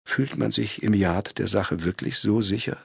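A man's voice: lowish voice, moderate pace, vocal fry, husky, dry recording, studio quality, pitched above the performer's own voice, heavily acted. A man doing a nervous, hesitant lawyer. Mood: guarded. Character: nervous, evasive male lawyer. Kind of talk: audiobook reading.

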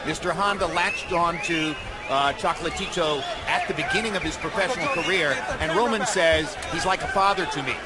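High-voiced male boxing play-by-play man. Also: a little fast, low-quality recording. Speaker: lead sports commentator. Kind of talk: live boxing play-by-play commentary. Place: ringside in large arena. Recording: broadcast over loud arena crowd noise.

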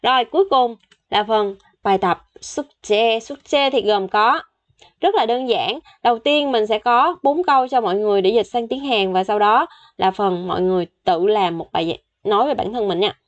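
A woman teaching a beginner Korean lesson online, saying each word several times for practice and explaining in a chatty, friendly way with soft sentence endings. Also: medium pitch, brisk, lo-fi sound.

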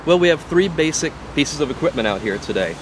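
An archaeologist and surveyor in his thirties explains his work in an outdoor interview beside a wooden fence and trees. He talks fast in a fairly high voice with lively intonation, and background noise can be heard.

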